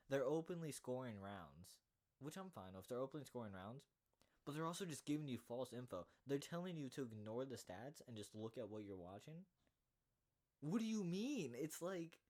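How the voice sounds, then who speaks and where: A man's voice: medium pitch, a little mellow. Heated young man ranting. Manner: heated, indignant, swearing. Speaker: MMA podcaster. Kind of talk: casual ranting recap.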